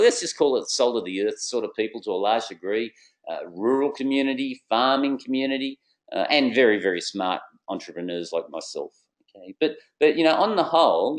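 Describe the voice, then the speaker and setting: A middle-aged man, a business consultant, telling a case story to an audience in a theatrical way and acting out the dialogue. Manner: lively, theatrical, acts out dialogue with swinging pitch. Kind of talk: animated storytelling presentation to an audience.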